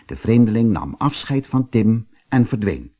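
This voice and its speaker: A man reading a fairy tale audiobook as narrator, slow and very expressive. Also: fairly low pitch, faint music behind.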